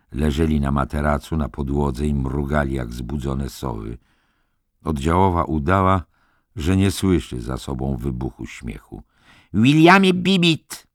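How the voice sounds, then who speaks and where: A man reading a novel aloud as a first-person audiobook narrator, measured and even. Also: extremely low pitch, no room sound, studio quality.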